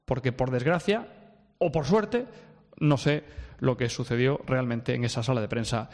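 A man's voice: medium pitch, moderate pace, darkish tone, in a large hall. Outspoken male sports radio host. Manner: outspoken, emphatic opinions. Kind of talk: sports news commentary. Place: radio studio.

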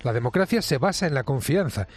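A man with a Spain Spanish accent reading a scripted radio editorial in a formal, measured, critical way, recorded in a studio. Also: mid-range voice, animated, slightly rough, soft background music. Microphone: studio microphone.

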